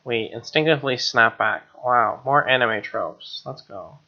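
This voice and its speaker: A young adult man streams a game from a small indoor room, reading a visual novel aloud and reacting casually. His mid-range voice is unhurried, recorded on a lo-fi microphone, with game music in the background.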